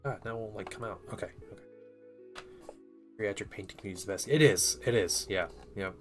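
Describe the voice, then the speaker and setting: Deep-voiced man in his thirties streaming. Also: fast, faint music behind. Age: 30s. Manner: relaxed and rambling, reads viewer chat aloud while assembling models. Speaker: live-streaming miniature painter. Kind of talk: casual live-stream chat.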